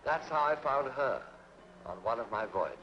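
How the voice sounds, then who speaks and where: A courtly old sea captain from an old film. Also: male voice, animated, moderate pace, sharp tone, slight background noise. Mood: genial. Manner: smooth, courtly, then booming showman pitch. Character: older male sea captain and carnival barker. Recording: dull 1960s film soundtrack.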